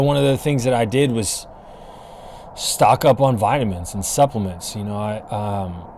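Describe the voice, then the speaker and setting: Filming himself with a camera and mic outdoors in the cold, a man hosts his own solo podcast, speaking earnestly and encouragingly with frequent restarts. His mid-range voice is darkish, and there's a little hiss or hum.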